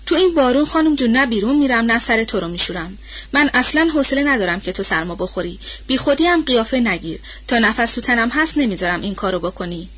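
Woman doing a bossy old nanny, nagging and stubborn, kinda high voice, dull lo-fi sound. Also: expressive, a bit bright, husky. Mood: scolding. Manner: colloquial, nagging and protective. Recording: dull lo-fi recording.

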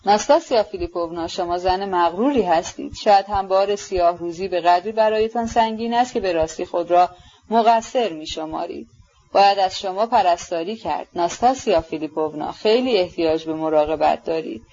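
A woman voicing a gentle, earnest young prince who speaks softly and with sympathy, in an audiobook. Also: on the low side, highs cut off. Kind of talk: audiobook character reading.

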